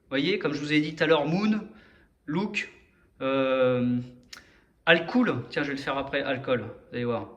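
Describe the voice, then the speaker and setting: Bright-voiced man rambling to viewers. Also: mid-range voice, measured pace, long pauses, muffled recording. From France. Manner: hesitant, restarts often, addresses viewers directly. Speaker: video host explaining number codes. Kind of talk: rambling explanatory monologue.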